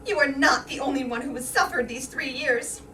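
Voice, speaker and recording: In staged reader's theater, a woman plays a vain, anxious aging wife awaiting her soldier husband, delivering the role dramatically, emphatically, and with anguish. Her voice is high-pitched, bright, and forceful, with fairly even intonation at a moderate pace. The recording sounds roomy, with a distant mic and faint noise.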